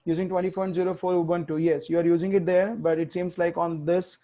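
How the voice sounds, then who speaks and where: Talking fast, a male tech instructor thinks aloud through a live coding tutorial, muttering and self-correcting as he types commands. His voice is high-pitched and mellow, with a level tone.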